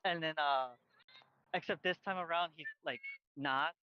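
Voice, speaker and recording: A man with a noticeably high voice chats casually as a podcast co-host. He rambles, piles up fillers and restarts his sentences. The sound is dry, dull and lo-fi. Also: measured pace, smooth, no room sound. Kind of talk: casual chat. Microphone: headphones on, outdoors by a busy street.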